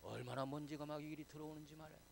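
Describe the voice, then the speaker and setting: Gravelly pastor, chatty and teasing. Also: male voice, fairly high pitch, fairly even intonation, very fast, slight background noise, rough recording. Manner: chatty, teasing, quizzes the congregation; drops to whispers, swells loud for emphasis. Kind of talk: conversational sermon.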